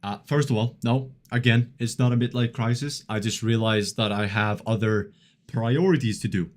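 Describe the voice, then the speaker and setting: A man in his early twenties talks to his live-stream chat in a loose, rambling way. He often chuckles and leans on fillers like "like" and "you know". His voice sits in an ordinary middle pitch. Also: moderate pace. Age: 20s. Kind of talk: casual live-stream chat reading chat messages.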